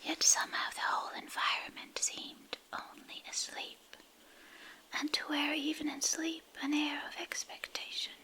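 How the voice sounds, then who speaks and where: A woman reads a literary fantasy story as ASMR in a breathy, intimate whisper, hushed and pausing between short phrases, close to a binaural microphone. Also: high-pitched, flat delivery. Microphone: close binaural microphone, ear to ear.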